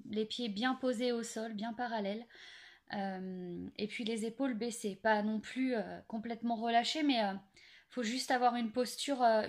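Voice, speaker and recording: A young woman explaining singing basics in a casual, hesitant way, full of pauses and fillers. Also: fairly high pitch. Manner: hesitant, many fillers and restarts. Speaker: singing teacher. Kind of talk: casual spoken singing tips.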